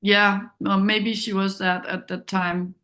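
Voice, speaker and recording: Slow, flat, and mid-range in pitch, this woman's voice sounds pushed and bright. She is from Denmark, speaks with a Danish accent, and appears as a documentary director in an interview, pondering and searching for her words hesitantly.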